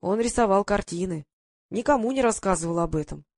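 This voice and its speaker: A woman voicing a frail old man who speaks slowly in short sentences, with a whistling lisp from bad dentures. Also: mid-range voice, lively intonation, a little mellow, no echo, clean studio sound, close to an everyday voice. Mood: fond. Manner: slow, halting.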